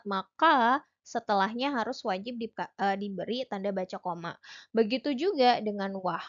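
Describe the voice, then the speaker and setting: A woman's voice: a little high, dull audio. Chatty young woman tutoring with fillers. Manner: chatty, explains step by step with many fillers. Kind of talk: online exam-prep lesson.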